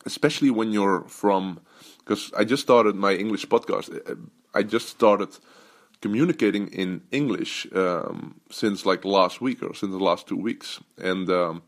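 Deep gravelly Dutch man podcasting. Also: measured pace. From Netherlands. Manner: loose, rambling, many fillers and restarts. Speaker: podcast host and business coach. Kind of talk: casual solo podcast talk.

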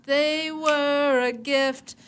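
Lady playing a sappy over-the-top performer, slow, real high voice. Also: steady tone, fairly bright tone, a little hiss or hum, full character voice. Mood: overwrought. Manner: overwrought, repetitive. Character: sentimental young performer doting on bowls.

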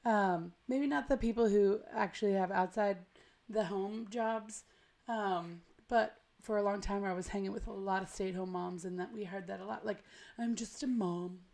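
American woman chatting on her podcast, gravelly n hoarse w/ a cold, lots of fry, rambly and slangy. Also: medium pitch, fairly even intonation, moderate pace, darkish tone. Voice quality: gravelly, smoky voice. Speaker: podcast host. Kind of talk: casual podcast intro chat. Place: at home.

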